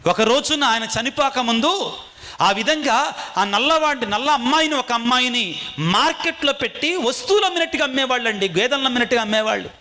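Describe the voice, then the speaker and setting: A man's voice: very high-pitched, animated, fairly quick, bright, forceful tone. A man preaching a sermon in a call-and-response style, asking his listeners questions and answering them himself.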